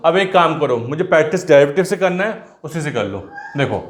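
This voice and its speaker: A man's voice: fairly high pitch, lively intonation, fairly quick, reverberant. A man teaching a math class online, switching between Hindi and English, calling the students "beta" as he writes out the working. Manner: mixes Hindi and English, addresses students as beta, talks while writing.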